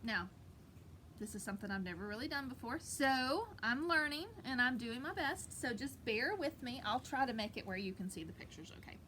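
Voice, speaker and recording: Sitting outside on her back porch, a woman teacher reads and talks to young pupils at a normal pace, with a somewhat high, animated, sharp-toned voice. She keeps it casual, folksy and encouraging, adding explanations along the way. Background ambience and a little hiss or hum come through.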